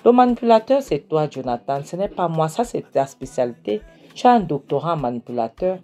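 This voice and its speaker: A woman voicing a defiant wife in a retold film, scolding her husband and demanding he understands, in a low dark voice. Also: animated, fairly quick, soft background music. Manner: scolding, repeats "est-ce que tu as compris?".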